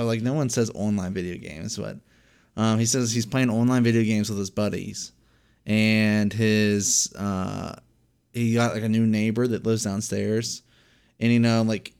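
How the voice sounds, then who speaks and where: A young man co-hosting a casual chat podcast, rambling through stories and acting out other people's lines loudly. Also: fairly low pitch, clear, resonant tone. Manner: rambling storyteller, acts out voices loudly. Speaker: podcast co-host.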